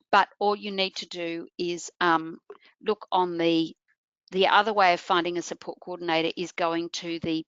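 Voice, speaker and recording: A woman with a lower-pitched voice presents an informational webinar, guiding listeners through each point. Her voice comes over a computer mic, dry and close, with dull, muffled online audio. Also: fairly bright tone, clear, resonant tone, no echo. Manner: explanatory, addresses listeners directly.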